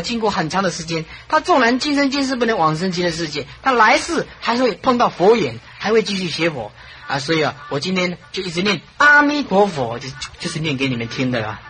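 Lively Buddhist monastic teacher, chuckling. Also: mid-range voice, brisk, a little hiss or hum, low-quality recording. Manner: animated storytelling with frequent chuckles and repetition. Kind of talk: dharma talk.

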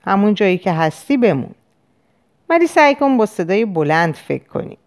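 A woman voicing a calm male psychiatrist who gently coaxes and questions his patient. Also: mid-range voice. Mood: coaxing.

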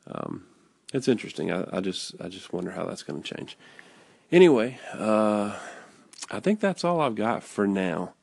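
A man hosting a casual podcast, talking in a nasal, raspy voice, rambling with fillers and restarts. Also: sits low, dry recording. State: hoarse. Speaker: podcast host. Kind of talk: casual solo talk.

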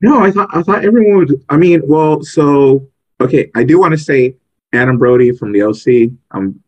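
A man co-hosting a podcast, chatting casually about a movie and retelling scenes in an animated, excitable way. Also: a little high, moderate pace, lo-fi sound. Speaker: podcast co-host. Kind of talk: casual movie review chat.

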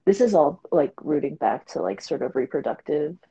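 A woman's voice: low voice, animated, moderate pace, vocal fry, dark tone, husky, low-quality recording. A woman in her twenties, co-hosting a casual podcast chat, rambling with lots of fillers. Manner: rambling, filler-heavy, frequent laughter. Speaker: podcast co-host.

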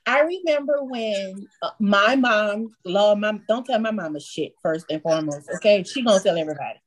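A woman chatting casually on a podcast, animated and swearing freely. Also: medium pitch, moderate pace, rough recording. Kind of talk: casual chat.

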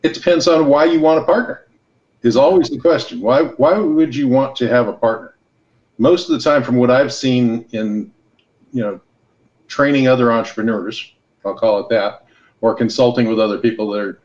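The sound is dull on this clip of a middle-aged man from Los Angeles and Hawaii, whose mid-range voice has a slightly mellow quality. As a guest in a casual podcast interview, he explains business plainly and colloquially, using anecdotes along the way.

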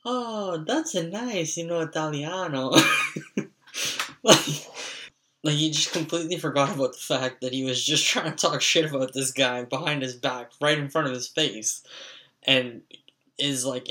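A man's voice: medium pitch, sharp tone, a little hiss or hum. A young man telling casual, profane stories, rambling with constant fillers. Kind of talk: casual storytelling monologue.

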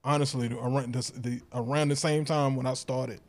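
A man's voice: medium pitch, fairly even intonation. Guy on a comics podcast, average voice, keeps restarting what he says. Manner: halting, restarts and self-corrections. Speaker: podcast co-host. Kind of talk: casual chat.

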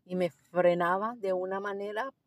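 A woman who works as a driving instructor, telling a story in a casual interview, animated and slipping English phrases into her Spanish. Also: medium pitch, normal speed, no room sound.

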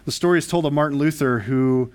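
A man's voice: medium pitch, quick pace, darkish tone, clean tone. A male pastor preaching a sermon, earnest and emphatic, asking the congregation rhetorical questions.

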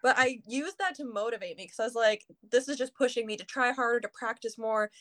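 A woman's slightly fast, rather high voice comes from a singer from Canada, in her early twenties, chatting as a guest in an interview. Her chatty, casual talk leans heavily on "like" between phrases.

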